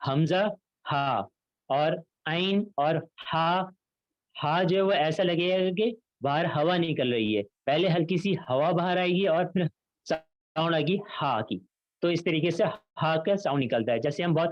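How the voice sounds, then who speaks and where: A man with a fairly high voice teaches an online class, patient and methodical, slowing down to repeat each sound. The audio is dull and dry, picked up by a computer mic on a video call. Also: no echo. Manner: patient, explains step by step, repeats sounds slowly. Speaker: Quran recitation teacher.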